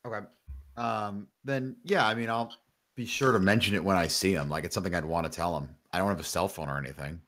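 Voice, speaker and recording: A man's voice: low-pitched, quick pace, fairly bright tone. A man playing a tabletop roleplaying game, making wisecracks in casual chat. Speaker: player.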